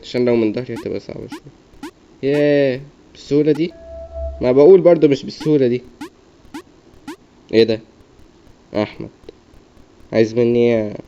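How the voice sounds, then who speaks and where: A man's voice: medium pitch, brisk, long pauses, dark tone, faint music behind. A young man with an Egyptian Arabic accent, commentating his gameplay as he mutters repeated self-coaching. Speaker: gamer. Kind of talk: gaming commentary. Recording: dull lo-fi mic, faint noise.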